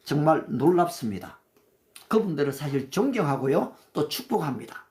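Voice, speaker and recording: A man's voice: on the high side, sing-song, normal speed, darkish tone. A man as a pastor preaching conversationally on a livestream, asking his listeners questions and mixing in English scripture. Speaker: pastor leading a livestream prayer meeting. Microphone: phone livestream mic.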